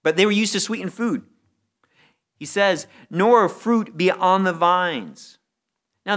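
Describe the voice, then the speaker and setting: A man's voice: high-pitched, a bit bright. Earnest man preaching a sermon. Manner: earnest, repeats words when stuck, rises in intensity on key phrases. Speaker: pastor.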